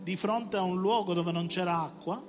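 A man's voice: high voice, normal speed. A man preaching a sermon with passion, rising to emphatic call-and-response. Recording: reverberant hall with music behind. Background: music.

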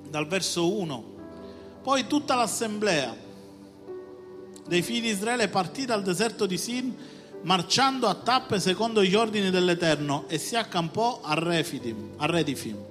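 A man's voice: high-pitched, lively intonation, moderate pace. A man preaching a sermon with passion, rising to emphatic call-and-response. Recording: reverberant hall with music behind. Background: music.

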